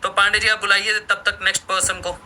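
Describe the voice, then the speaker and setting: Pumped up guy hosting, real bright tone, keeps repeating stuff to hype ppl, bit of faint hiss. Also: sits high, quick pace, low-quality recording. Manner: energetic, persuasive, repeats phrases for emphasis. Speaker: host. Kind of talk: motivational interview on a live call.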